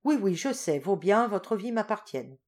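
A woman voicing a scheming, sardonic male general-dictator in a storybook reading, with a brisk commanding manner. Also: medium pitch, big pitch swings, a little mellow.

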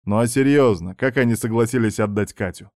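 A man's voice: medium pitch, a little fast, darkish tone, no echo, studio quality, lightly acted. A man voicing a joking, easygoing young male friend who teases the narrator. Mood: teasing. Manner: joking, mocking.

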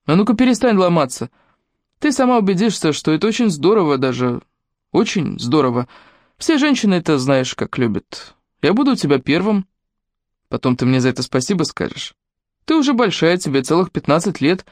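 A woman's voice: sits low, very animated, a little fast, dry recording, studio quality. A woman voicing an abusive middle-aged stepfather in an audiobook, speaking in a sweet, wheedling voice that turns threatening. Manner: wheedling, honeyed voice turning to threatening shouts.

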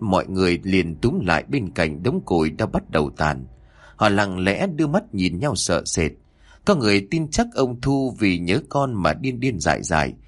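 A man narrating a horror story in a dramatic, expressive scripted reading. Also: low voice.

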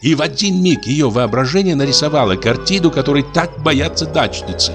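A man narrating a classic short story with an expressive, lively delivery. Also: a little high, a little fast, music in the background. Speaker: audiobook reader.

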